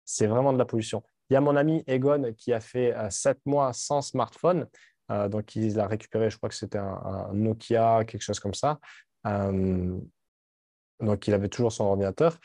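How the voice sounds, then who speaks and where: A man's voice: lowish voice, moderate pace, mellow, dry recording, clean studio sound. A man in his late thirties talking frankly and casually to camera, rambling with restarts and casual swearing. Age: 30s. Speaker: vlogger. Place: home in Dubai.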